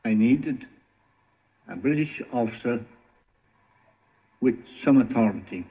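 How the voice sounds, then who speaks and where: A man's voice: mid-range voice, animated. Man in an old archive broadcast recording. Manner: slow, measured address. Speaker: priest. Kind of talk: prepared radio tribute. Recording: tinny old recording with hall echo.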